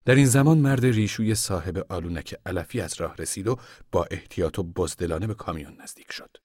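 A low-voiced man reading an audiobook in a measured, even way. The sound is dry and close, with no room around it. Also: dry recording. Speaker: narrator. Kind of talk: scripted audiobook narration.

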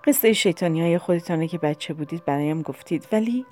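A woman's voice: lowish voice, a little mellow, faint music behind, lightly acted. A woman voicing a restless, lovesick young woman who pleads impatiently in an audiobook. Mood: impatient, pleading.

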